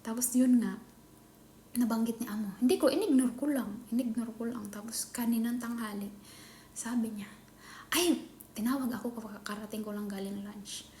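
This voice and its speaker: A Filipino woman chatting casually in a vlog, often dropping into a hushed whisper. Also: a little high, moderate pace. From Philippines. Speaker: nanny vlogger. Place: employer's home. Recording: echoey room with faint ambient noise.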